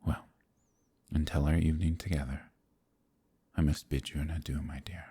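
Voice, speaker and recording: With little pitch movement at a normal speed, a man delivers a heavily acted turn as a gentle, troubled werewolf in a romantic fantasy ASMR roleplay. His deep, husky voice is soft-spoken and hesitant, his phrasing formal and old-fashioned, and his mood warm and courting.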